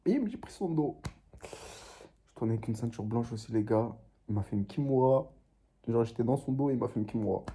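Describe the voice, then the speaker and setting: A man's voice: mid-range voice, lively intonation, moderate pace, long pauses, warm tone, husky. A young man vlogging casually in French suburban street slang with an urban street accent, talking to viewers like mates. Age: young adult. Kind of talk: casual travel vlog. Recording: noisy handheld vlog with ambient vehicle noise.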